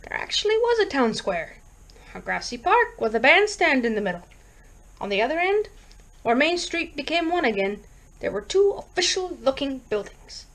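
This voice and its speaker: A woman reading a horror short story aloud in a steady, measured way. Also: high voice. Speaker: reader.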